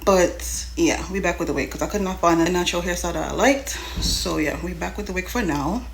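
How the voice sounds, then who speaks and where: This woman vlogger talks to her viewers directly in casual, slangy chatter, her voice lowish and a little fast. Part of it is recorded inside a car, and the low-quality audio carries clear background noise and car ambience.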